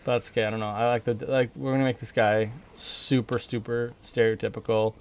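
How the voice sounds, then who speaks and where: A man's voice: medium pitch, little pitch movement, fairly quick, smooth. A man with an American accent streaming a video game, chatting informally and thinking aloud as he goes. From northern Minnesota, USA. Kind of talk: casual gaming commentary.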